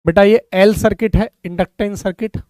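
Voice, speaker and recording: A man's voice: sits high, steady tone, fairly quick, mellow, dry recording. A man teaching a physics class online, calling students "beta" and explaining step by step in a conversational way.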